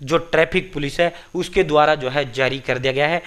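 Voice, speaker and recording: A man hosting a coaching channel, giving exam news and pitching study notes in an emphatic, repetitive way, calling his viewers brothers. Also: steady tone, a little fast, fairly bright tone, clear, resonant tone.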